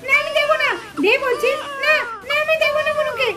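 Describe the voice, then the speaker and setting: Woman voicing a shrill stubborn little girl doll. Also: fairly even intonation, a little fast, sharp tone. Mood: defiant. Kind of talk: doll cartoon voice acting.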